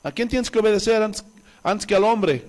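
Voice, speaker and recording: A man's voice: high-pitched, normal speed, darkish tone. A man with a Bolivian Spanish accent, a pastor preaching a sermon with impassioned rhetorical questions to the congregation.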